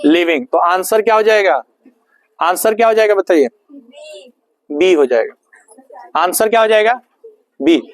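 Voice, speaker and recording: A man's voice: high-pitched, a little slow, pauses often, dry recording, low-quality recording. A male teacher running a grammar lesson in a classroom, firing repeated questions at his students.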